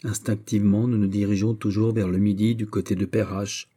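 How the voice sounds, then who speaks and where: A man reading a classic novel aloud as an audiobook, expressive and lifting his voice on exclamations. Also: fairly low pitch, brisk. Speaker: narrator.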